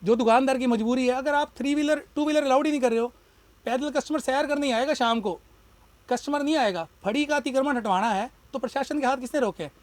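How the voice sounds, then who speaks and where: A man's voice: extremely high pitch, quick pace, dry recording. A man who runs a shop, speaking in an impassioned, argumentative way in a street interview. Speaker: shopkeeper and party worker.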